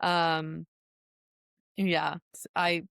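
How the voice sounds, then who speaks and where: A young woman from Minnesota, a hockey player answering interview questions in a chatty, relaxed way with frequent laughs and restarts. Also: deep voice, drawn-out words, creaky, dry recording, studio quality. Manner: chatty, laughs often, many ums and restarts. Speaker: guest, pro hockey player. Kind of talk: casual interview talk.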